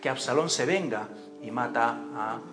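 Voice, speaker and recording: A man preaches in a church, at a middle pitch for a man. He tells stories animatedly, acting out voices and questioning his listeners, with soft music faintly behind him. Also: normal speed. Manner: animated storytelling, acts out voices and cries, asks the congregation questions. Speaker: pastor. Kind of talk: sermon.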